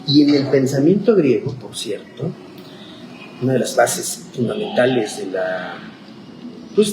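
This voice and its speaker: A man, a pastor teaching a Bible class in a conversational lecture style, thinking aloud and checking in with his listeners. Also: mid-range voice. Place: church classroom. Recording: echoey room with clear background noise.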